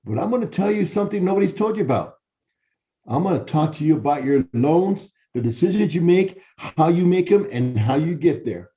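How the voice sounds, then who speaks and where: A middle-aged man from Chicago, working as a university professor, tells students his life story in a dark-toned voice that sits on the high side, expressive and a little fast. He talks to them directly in a conversational way, repeating words and restarting, on a dull lo-fi recording.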